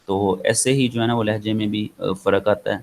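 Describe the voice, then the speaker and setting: A man's voice: on the low side, steady tone, gravelly, poor audio. A man with a Pakistani accent giving an online lecture, rambling with many fillers and slipping into English. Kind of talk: online lecture, casual explaining.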